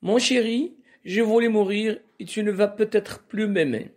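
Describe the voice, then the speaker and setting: A man's voice: sits high, unhurried. A man reading aloud the part of a frightened young woman facing death, in a tender, pleading voice.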